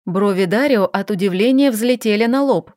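A woman reading a novel aloud in a lively scripted narration. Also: medium pitch, normal speed, no room sound, clean studio sound. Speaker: audiobook narrator.

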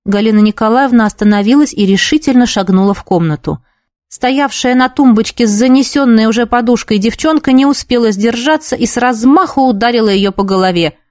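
A woman giving an expressive book narration, lively and voicing the characters as she reads. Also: fairly high pitch, fairly quick, dry recording, studio quality. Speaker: audiobook reader.

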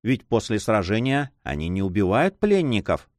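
A man voicing a gentle chaplain in an audiobook, speaking mildly and quietly. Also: on the low side, very animated, moderate pace, no echo, studio quality. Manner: mild, murmuring. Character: gentle murmuring priest, man.

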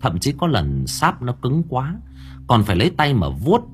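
A man's voice: normal speed, slight background noise. A man narrating a horror story dramatically. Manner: storytelling, dramatic, with lively pitch. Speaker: audiobook narrator.

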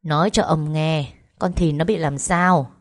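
A woman doing a gruff old village herbalist. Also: low-pitched, steady tone, measured pace, dry recording, clean studio sound. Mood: gruff kindly. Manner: blunt, grandfatherly.

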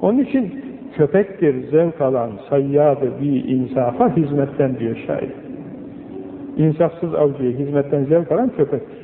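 An older man preaches a sermon, earnest and admonishing, pushing hard on his key points. His voice sits fairly high. The old recording is thin and phone-like, with a long echo from a large hall. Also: unhurried, a little hiss or hum. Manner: earnest, admonishing, rising emphasis.

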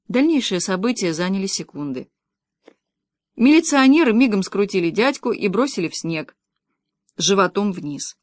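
A woman narrating a first-person audiobook in a wry, lively storytelling manner. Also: mid-range voice, no room sound, studio quality.

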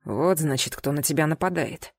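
A woman voicing a low, earnest young knight. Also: normal speed, no room sound. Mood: calm, serious. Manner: soft, low and earnest, half-whispered. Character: young male knight guardian, protective and tender. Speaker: audiobook reader. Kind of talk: audiobook character voice.

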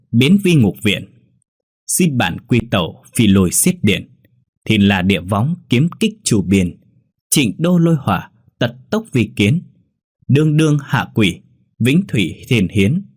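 A man voicing a young male exorcist chanting a spell in steady cadence. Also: mid-range voice, slightly rough, no echo, studio quality, exaggerated voice.

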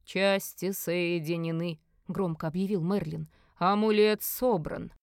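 A woman voicing a cruel old male sorcerer who speaks slowly, low and commanding. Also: steady tone, clean tone, dry recording, studio quality. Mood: proclaiming.

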